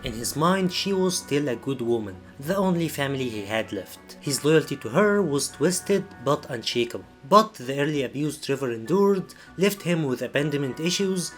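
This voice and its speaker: A man reading scripted video essay narration in a serious, measured storytelling manner. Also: on the high side, animated, faint music behind.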